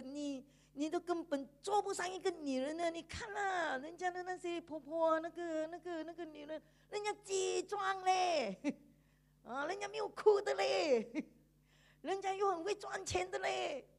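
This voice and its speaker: A woman preaching a sermon in church, animated, with frequent laughter and emphatic sentence endings. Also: very high voice.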